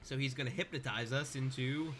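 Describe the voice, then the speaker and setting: A man's voice: mid-range voice, a little fast, fairly bright tone. A young man giving casual, sarcastic commentary over a video game he is playing, breaking off into joking asides. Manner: sarcastic, joking asides, wanders off mid-sentence. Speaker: let's-play gamer. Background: faint game music.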